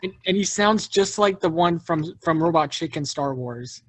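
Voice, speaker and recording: A man hosting a casual video call chat, excitable and quick to laugh at his own stories. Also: on the high side, noisy background. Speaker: party host.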